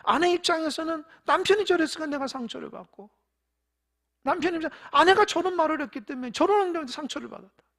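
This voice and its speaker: In church, a pastor delivers a sermon, swinging between loud, emphatic stresses and soft near-whispers. His voice sits high and moves at a quick pace as he tells parables and puts questions to the congregation.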